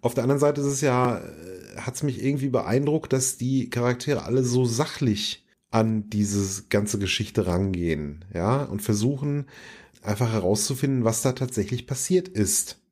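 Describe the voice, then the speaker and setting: A man's voice: medium pitch, normal speed, a little mellow. A man co-hosting a podcast, chatting about an episode in an amused, emphatic way. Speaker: podcast co-host. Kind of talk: casual review chat.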